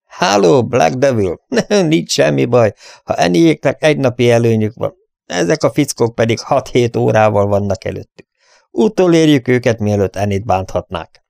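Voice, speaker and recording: A male narrator plays a determined young frontier rider in an audiobook, gravelly and urgent, a touch above the reader's low voice. The sound is dry and close, with no room around it. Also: dark tone, no echo, close to an everyday voice. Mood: elated. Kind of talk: audiobook character voice.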